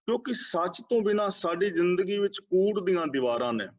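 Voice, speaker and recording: A man giving a sermon that explains scripture, reciting verses slowly and deliberately. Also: high-pitched, animated. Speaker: Sikh preacher. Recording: slightly muffled lo-fi recording.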